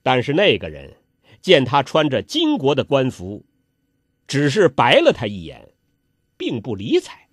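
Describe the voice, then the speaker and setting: Slow, dramatic male storyteller. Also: mid-range voice, huge pitch swings, breathy edge, no echo, clean studio sound. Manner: dramatic, swings between loud exclamations and hushed asides. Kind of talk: traditional Chinese storytelling.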